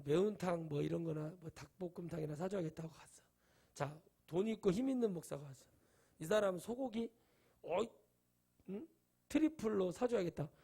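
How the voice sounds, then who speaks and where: Male pastor, middle-aged, high-pitched. Sermon delivery with dramatic swings between soft asides and loud outbursts, plus acted-out quotes. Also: slightly rough. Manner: acts out quoted voices in his preaching.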